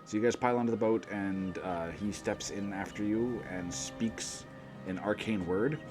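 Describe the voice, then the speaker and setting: A man's voice: lowish voice, moderate pace, over music. A man narrating as game master of a tabletop game, with loose, rambling description full of restarts and a cough.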